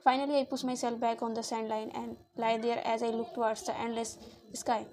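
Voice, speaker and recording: A woman reading a romance novel aloud in a steady, even way, now and then stumbling and re-reading a word. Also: on the high side, fairly quick, slight background noise, low-quality recording. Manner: steady, even read-aloud delivery with small slips and re-reads. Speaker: audiobook reader.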